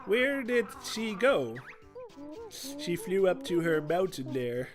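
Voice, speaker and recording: A fussy, short-sighted mole from a video game speaks in a slow, careful, nerdy drawl, as a man reads his lines aloud. His pitch sits a little above a plain male voice, with faint game music behind. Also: very animated, exaggerated voice.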